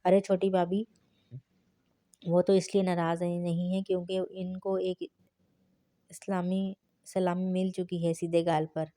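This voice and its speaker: Woman reading as playful caring young man, reassuring, low flat voice, storybook reading. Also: long pauses, dry recording, studio quality, natural voice.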